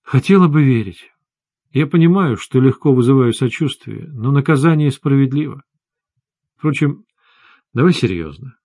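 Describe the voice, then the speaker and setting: A tired, stern sorceress speaks in low, measured tones, voiced by a man reading an audiobook. The voice sits at a middling pitch. The recording is dry and close. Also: expressive, dark tone, husky, no room sound. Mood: grave. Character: weary, stern female sorceress.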